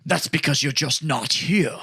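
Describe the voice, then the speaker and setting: A man voicing a proud, quarrelsome male ork warrior who craves worthy foes, rasping and gravelly, mocking and trash-talking in ork slang, in an improvised in-character debate. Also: on the high side, normal speed, sharp tone, heavily acted. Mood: taunting.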